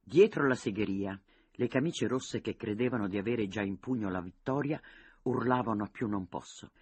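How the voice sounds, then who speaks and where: A man reads a novel aloud in steady storytelling fashion. His voice has a husky grain. The recording is dry and close, with no room sound. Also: lowish voice, no room sound. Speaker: audiobook narrator. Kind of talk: audiobook narration.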